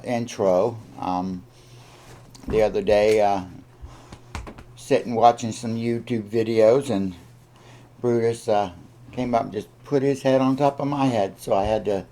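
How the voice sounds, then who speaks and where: A man hosting a casual, unscripted vlog update, speaking haltingly with frequent ums and pauses. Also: fairly low pitch, mellow, a little hiss or hum. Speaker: video channel host.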